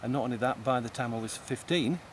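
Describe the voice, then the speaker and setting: A man's voice: medium pitch, fast, slight background noise. A man, thoughtfully explaining things in a precise way. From East Lancashire, England. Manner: thoughtful, precise, restarts words mid-phrase. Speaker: guest. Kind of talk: conversational interview.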